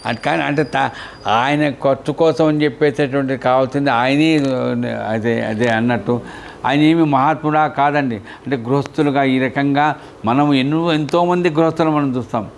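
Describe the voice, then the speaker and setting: A man's voice: mid-range voice, normal speed, a little hiss or hum. A man giving a devotional discourse, telling stories and asking and answering his own questions. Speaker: spiritual discourse speaker.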